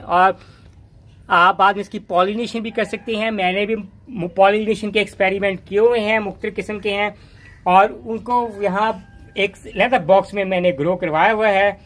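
Holding his phone as he walks his rooftop garden outdoors, a man hosting a gardening channel talks in a high, slightly bright voice. His speech is casual and rambling, with frequent restarts.

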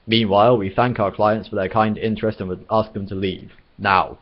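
A man's voice: fairly low pitch, level tone, normal speed, dull audio, natural voice. A man voicing an old, formal recorded announcer in a storybook, polite with cold menace. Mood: sharper politeness.

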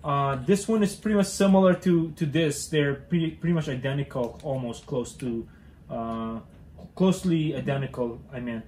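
A man's voice: medium pitch, normal speed, a little mellow, echoey room, slight background noise. Young man rambling through a garage how-to. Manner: hesitant, many fillers and restarts while working with his hands. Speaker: DIY car channel host. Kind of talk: casual how-to demonstration. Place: cluttered garage indoors.

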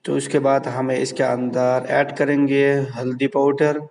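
A cooking vlogger narrates a home cooking video step by step at the stove, speaking slowly and repetitively and repeatedly urging viewers to subscribe. His mid-range voice is gravelly and a little mellow, with a completely flat delivery, and sounds like it's in a large hall.

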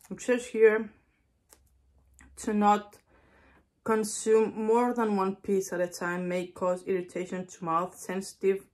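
A woman's voice: medium pitch, creaky. A woman in her thirties talking casually to the camera as host of a challenge vlog, in a small room at home. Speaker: video host taking a candy challenge. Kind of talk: casual solo vlog chat.

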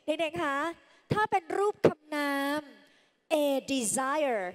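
High-voiced, slow-paced woman tutor. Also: big pitch swings, a bit bright, long reverb tail. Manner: coaxing, calls students "children", ends phrases with polite particles. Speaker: English tutor. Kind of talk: lively classroom lecture. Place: large hall. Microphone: handheld mic.

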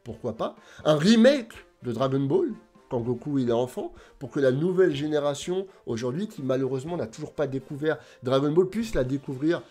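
A man's voice: a little high, expressive, a little fast, dark tone, faint music behind. A man hosting his own video channel, chatting casually and animatedly straight to his viewers. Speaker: YouTube host.

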